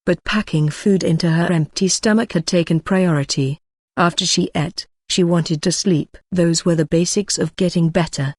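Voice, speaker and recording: An audiobook narrator reads a novel in a steady, even manner. The voice sits at a middling pitch, and the recording is close and dry with no room sound. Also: moderate pace, husky, no room sound. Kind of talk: scripted narration.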